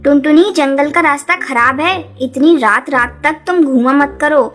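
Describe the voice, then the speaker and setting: Woman voicing a gently scolding mother sparrow. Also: high voice, normal speed. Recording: cartoon with background music.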